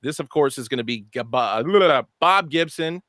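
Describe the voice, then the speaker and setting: A man's voice: medium pitch, normal speed, dry recording. Chatty man with a dry close sound. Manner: animated, chatty, self-correcting. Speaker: co-host presenting hats. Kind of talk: casual product show talk.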